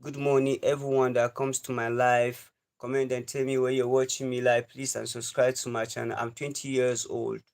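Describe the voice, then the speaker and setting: Here the Nigerian-accented host, a man in his twenties, sounds flat and slightly mellow, with vocal fry at a moderate pace in a mid-range voice. He preaches to his livestream audience in an earnest lecture that keeps repeating itself.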